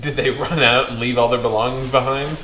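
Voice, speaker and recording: A man's voice: mid-range voice, steady tone, a little fast, pushed and bright, roomy sound, a little hiss or hum. A man playing a tabletop game, describing his character's actions casually. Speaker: player.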